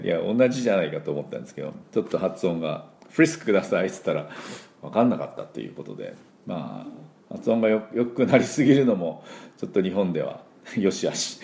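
A middle-aged man with a very low, dark voice teaches pronunciation in a loose, chatty way. His pitch moves a lot as he drags out sample sounds slowly and fills pauses with small filler words. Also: sing-song, vocal fry, echoey room. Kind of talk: casual spoken lesson.

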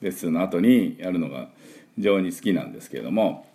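A man teaches English pronunciation with a deep, warm voice. His delivery swings widely in pitch as he demonstrates sounds. He slows right down to drill words for the listener to repeat. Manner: lively, demonstrative, drills words slowly for repetition. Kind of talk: spoken English pronunciation lesson.

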